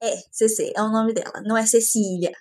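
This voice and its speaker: A woman's voice: fairly high pitch, fairly even intonation, brisk, a little mellow, no room sound. A woman, recapping a novel in a chatty way with sarcastic asides. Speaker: book reviewer. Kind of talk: casual book recap.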